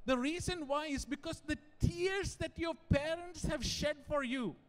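High-pitched young pastor in a reverberant hall. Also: male voice, unhurried. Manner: animated, digressive, joking asides. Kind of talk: sermon. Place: large church hall. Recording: long church-hall reverb.

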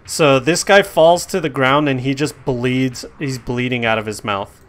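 Casual game master man. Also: mid-range voice. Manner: casual, animated narration with quick rules calls. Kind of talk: narrating a tabletop game.

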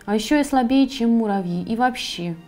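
A woman's voice: fairly high pitch, a little fast, dark tone, soft background music, natural voice. A woman voicing a small, timid female forest creature who is gloomy and doubts herself, in a plaintive, worried way, reading a storybook aloud.

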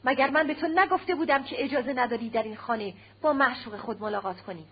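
A woman's voice: high voice, slightly rough, highs cut off. Stern cold husband, as a woman reader voices him. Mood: contemptuous. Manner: harsh, commanding, contemptuous. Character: stern cold aristocratic husband, middle-aged man.

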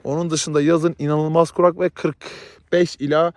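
A man's voice: a little high, flat delivery, normal speed, dry recording. A man from Southeast Turkey vlogging outdoors in a rural village, chatty and playful with a teasing manner. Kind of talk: casual vlog chat.

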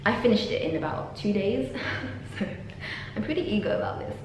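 A brisk, mid-range female voice belongs to a London PhD student vlogging casually to camera, chatty and animated with frequent ums and laughs. She films indoors at a university office lab, first on a desk-mounted camera, later holding it selfie-style. Echo is very strong, with a faint hum in the background.

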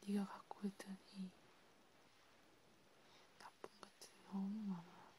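A woman voicing a menacing grim reaper in a whispered role-play, scolding and threatening, slowly. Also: mid-range voice, flat delivery, background noise, close to an everyday voice. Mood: cold, reproachful. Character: menacing female grim reaper punishing a sinner's soul.

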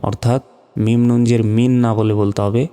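Patient man teaching slow spelled-out recitation. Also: mid-range voice, level tone, warm tone, clear, resonant tone, long reverb tail. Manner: patient, spells out syllables slowly and drawn out. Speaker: Quran reading teacher. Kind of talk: step-by-step spelling lesson.

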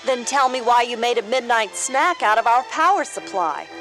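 A young rebel princess in a storybook adventure. She is confident, informal and teasing, with a high, animated voice over loud music. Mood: curious. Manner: brisk, informal.

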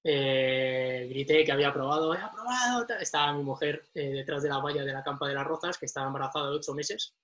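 A man's voice: medium pitch, little pitch movement, quick pace, hardly any pauses, a bit bright. Emotional man recalling his exam. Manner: emotional, laughing storyteller. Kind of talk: casual chat.

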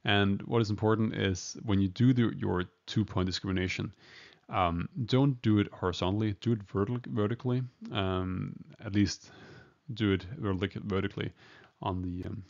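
A man's voice: low voice, creaky. A man giving an informal medical lecture, hesitant with many fillers and restarts. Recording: dull lo-fi recording.

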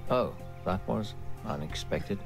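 An actor voicing a calm, sly disembodied male guide in a game, with a deep gravelly voice and a coaxing way of asking questions. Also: slow pace, over music, exaggerated voice.

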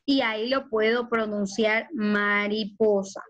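A woman's voice: sits high, fairly bright tone. Patient woman teacher on a lo-fi call. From Ecuador. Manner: patient, explains slowly with spelled-out examples. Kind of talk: online class lesson. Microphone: video call.

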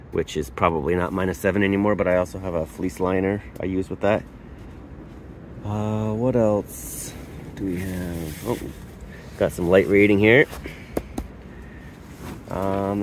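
A man from Canada giving a casual tour of his camping setup inside a hot tent, pausing often with uh and restarting sentences. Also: low-pitched, a little hiss or hum. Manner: halting, lots of uh and restarts. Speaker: camping vlogger.

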